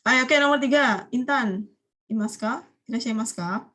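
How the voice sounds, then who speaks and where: A woman with a sharp, somewhat high voice gives an online vocabulary lesson at a moderate pace. She's patient and explanatory, repeatedly quizzing her students and slipping Japanese words into her speech.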